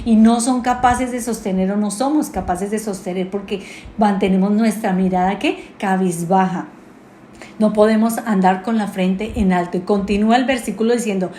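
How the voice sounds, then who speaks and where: A woman preaching a sermon, often pausing to ask her congregation rhetorical questions. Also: medium pitch, mellow. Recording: echoey room with faint noise.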